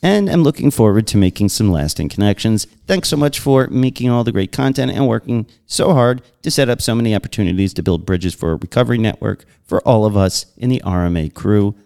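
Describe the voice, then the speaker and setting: A man's voice: on the low side, animated, brisk, creaky, hardly any pauses, warm tone, clean tone. A man with a Long Island accent hosting a podcast, casually chatting and reading listener mail aloud, laughing often and breaking off for asides. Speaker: podcast host.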